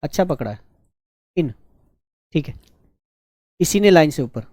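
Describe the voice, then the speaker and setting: A man teaching a shorthand class, teasing his students and dictating words slowly. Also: a little high, animated, darkish tone, no echo, clean studio sound. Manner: slow, drawn-out dictation. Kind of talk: live online class dictation.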